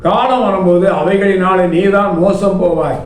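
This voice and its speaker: Echoey, higher-voiced preacher man. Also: normal speed. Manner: storytelling preacher who voices people in his anecdotes. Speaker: pastor. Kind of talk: sermon. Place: church.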